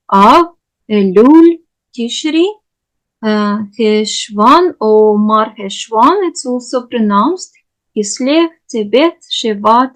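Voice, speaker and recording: Slow, halting woman lecturer. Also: mid-range voice, low-quality recording. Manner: halting, with frequent fillers and self-corrections; patient, explanatory. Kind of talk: unscripted teaching lecture.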